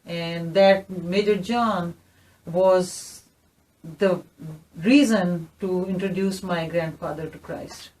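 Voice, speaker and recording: A woman's voice: fairly low pitch, steady tone, a little mellow. Pakistani woman, distant mic. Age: 50s. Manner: earnest, measured storytelling. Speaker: interview guest, missionary. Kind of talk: recorded interview testimony.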